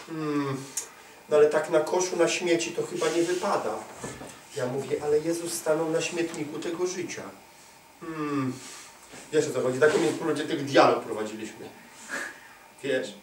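Male preacher, raised voice, fiery sermon with sudden hushed passages and rhetorical questions, recorded from afar in a roomy hall with faint ambience. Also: on the high side, steady tone, moderate pace, long pauses, far from the mic, slight background noise. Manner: swings from shouting emphasis to hushed near-whisper; asks listeners rhetorical questions. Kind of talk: charismatic sermon. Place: church hall. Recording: echoey hall, speaker off-mic.

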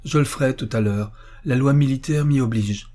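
A man's voice: medium pitch, normal speed, warm tone, pitched above the performer's own voice, lightly acted. A man reading an audiobook, voicing a young officer who solemnly explains a painful duty. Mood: grim. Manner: tense, solemn. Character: young army officer, grim and torn.

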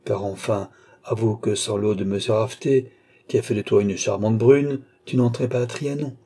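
A man reading aloud plays a worldly old duke who teases and quietly threatens. The voice is very dark and mellow with a husky grain, in an audiobook telling. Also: on the low side, steady tone, moderate pace. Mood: sly, teasing. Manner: mocking, knowing, lightly threatening. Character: old duke and marshal, sly, teasing, worldly.

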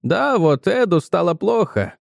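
A fussy, solicitous shop clerk, voiced by a man soothes in a raised, high voice. He fusses kindly in a storybook reading, close and dry. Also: sing-song, a little slow, vocal fry, dry recording, exaggerated voice. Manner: soothing, fussing.

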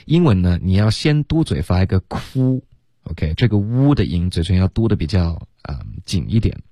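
A man teaching English on a radio lesson, patiently explaining pronunciation step by step and demonstrating sounds slowly. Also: deep voice, sing-song, dark tone, no echo, clean studio sound. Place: radio studio.

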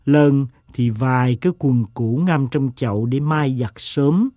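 A man voices an eccentric gentleman in a storybook reading. He tells his tale slowly and deliberately, with a self-mocking tone. The sound is close and dry. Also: medium pitch, dry recording, close to an everyday voice. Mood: wry.

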